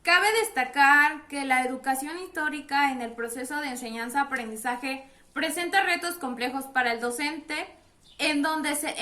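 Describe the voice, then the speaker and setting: High, bright-voiced woman moderating, echoey room. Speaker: moderator of a panel discussion. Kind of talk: scripted presentation, formal.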